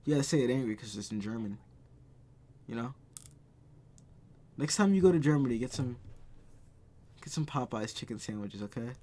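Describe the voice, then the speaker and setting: A man's voice: mid-range voice, expressive, normal speed, long pauses, warm tone. A man in his twenties hosting a casual chat, ranting and swearing freely. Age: 20s. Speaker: podcast host.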